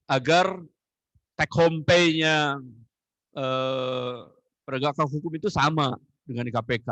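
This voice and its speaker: A man's voice: medium pitch, no echo, poor audio. A man answering audience questions as an agency official, rambling with frequent fillers and tag phrases. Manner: rambling, many "eh" and "gitu kan ya" tags. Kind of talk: Q&A answers in a webinar.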